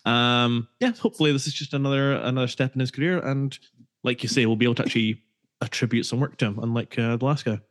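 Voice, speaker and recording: A man co-hosting a casual football podcast, measured and thoughtful with frequent ums. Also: mid-range voice, fairly bright tone. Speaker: podcast co-host.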